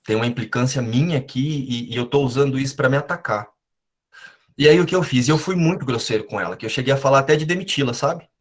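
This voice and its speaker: A man's voice: mid-range voice, fast. Man sharing a personal story on a call. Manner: reflective, confessional storytelling. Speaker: participant sharing in a study group.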